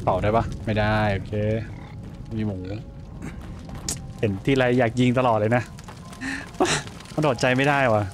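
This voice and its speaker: A man's voice: mid-range voice, normal speed, long pauses, over music. A man giving casual let's-play commentary, blunt and swearing freely, with sudden startled exclamations. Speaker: gaming streamer.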